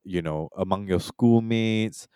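A man with a very low, warm and mellow voice talks through a film in a loose, rambling way, full of fillers and restarts. His delivery is casual and unhurried. The recording is dry and close. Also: clear, resonant tone, no echo. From Malaysia and Singapore.

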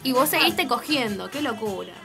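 A woman's voice: a little high, lively intonation, moderate pace, creaky, over music. A young woman with a Rioplatense accent, co-hosting a stream in casual, teasing, blunt chat. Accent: Rioplatense Spanish. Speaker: stream co-host.

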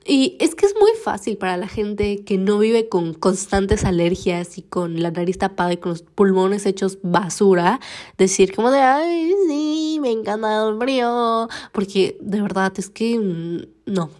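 Mexican woman podcast host, congested, chatty and dramatic in her complaints, mid-pitched. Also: a little slow. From Yucatán, Mexico. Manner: animated, rambling, dramatic complaints. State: congested, stuffy nose. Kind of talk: casual chat.

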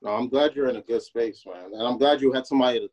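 A man's voice: mid-range voice, fast, darkish tone, dry recording, low-quality recording. A man hosting a podcast in an informal, conversational way, repeating phrases for emphasis. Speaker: podcast host.

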